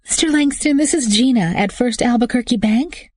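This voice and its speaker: An audiobook narrator voicing a polite, brisk woman calling from a bank in a telemarketer manner. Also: mid-range voice, darkish tone, no echo, clean studio sound, voice pushed up, close to an everyday voice. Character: polite female bank caller.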